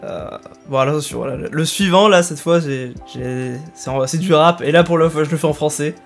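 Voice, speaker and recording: A man's voice: on the high side, a little fast, gravelly, faint music behind. A young man chatting casually to his viewers, self-mocking and hesitant with many fillers. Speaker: youtuber. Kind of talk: casual vlog talk to viewers.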